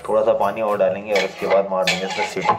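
A vlogger in his 20s from Uttarakhand, India, chats playfully with viewers in a casual vlog set in a village house kitchen and stone courtyard, his low voice fast and showing little pitch movement. Music is laid under his voice, and background noise is heavy.

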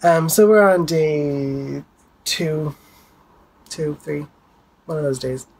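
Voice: medium pitch, slow, a little mellow, husky, low-quality recording. A vlogger giving a casual video update from home, chatting loosely and showing items to the camera. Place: home, indoors.

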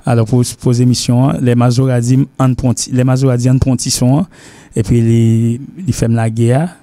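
A middle-aged man with a Haitian accent talks through a televised English lesson. He wanders and circles back on his points, slipping between languages. His voice is warm and mellow, recorded dry with almost no room sound. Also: mid-range voice, level tone, normal speed, no room sound. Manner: rambling, repeats himself, mixes languages. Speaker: English teacher and show host. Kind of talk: TV lesson talk.

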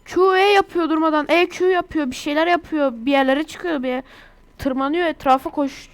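A woman from Turkey giving casual, chatty commentary over her own gameplay, excitable and quick to burst into exasperated outbursts. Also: high-pitched. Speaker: gaming YouTuber.

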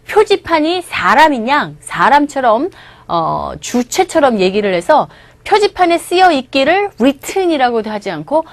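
Lively Korean woman teaching English. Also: on the high side, no room sound. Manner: explains film lines, has students repeat pronunciation. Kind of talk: online English lecture.

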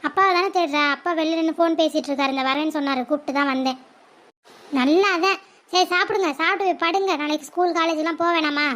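A scolding mother in a home drama, played by a woman, her voice sitting very high. She nags her daughters in a sharp, constant stream. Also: fairly even intonation, fast talker. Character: scolding middle-aged mother of two girls. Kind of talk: family drama role-play.

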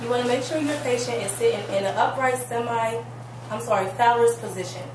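A woman with a fairly high voice recites formal medical-style instructions as a presenter. She sounds distant from the mic in an echoey room with clear noise. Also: brisk. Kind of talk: scripted instructional explanation.

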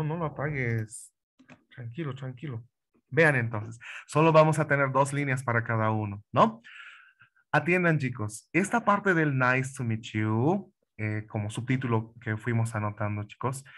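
A man's voice: mid-range voice, a bit bright. Patient male teacher on a video call. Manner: patient, repeats phrases, asks students questions. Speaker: English teacher. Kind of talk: online class instruction.

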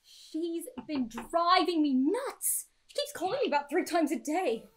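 A young woman from Liverpool playing a posh, sharp-tongued sister in a comedy short, over a video call. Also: very high voice, lively intonation, a little slow. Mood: teasing. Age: young adult. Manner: teasing, assertive. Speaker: sister of the bride. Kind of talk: comedy short film acting.

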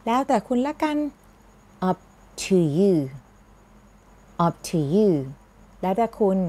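A woman with a Thai accent, an English teacher who repeats each phrase slowly, word by word, in a drilled lesson. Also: medium pitch, warm tone.

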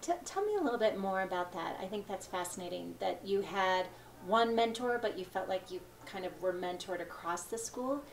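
A woman's voice: medium pitch, expressive, gravelly, roomy sound, distant mic, a little hiss or hum. A woman interviewing from off camera, asking questions in an upbeat, chatty way. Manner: upbeat, chatty, quick reactions. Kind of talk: interview questions, friendly chat.

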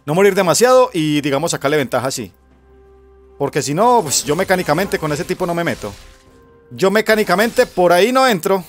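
A Colombian man narrating his own match in a loose, cursing, chatty way, muttering at the enemy and at himself. His voice sits a little high for a man. Soft music plays faintly underneath. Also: lively intonation, fairly quick. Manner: casual, profane, talks to himself and his opponent. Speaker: gamer. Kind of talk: gameplay commentary.

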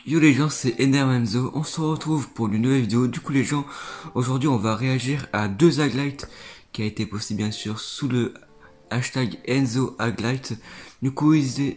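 A man's voice: medium pitch, a little mellow, husky. A young man with a mid-range voice rambles through casual reaction commentary on gaming clips, circling back to repeat his points. He talks loosely, leaning on fillers, with faint music playing behind him. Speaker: gaming YouTuber reviewing viewer clips.

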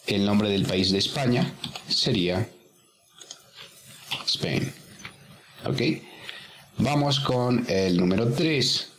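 A man's voice: fairly low pitch, takes it slowly, long pauses, a bit bright, a little hiss or hum. A man teaching English, working through a workbook exercise step by step and patiently repeating each answer.

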